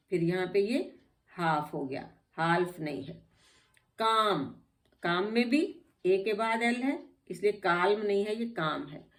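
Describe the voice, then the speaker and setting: A woman teaching English spelling rules, patiently spelling out each word letter by letter. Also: on the high side. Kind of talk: spelling lesson explained in Hindi.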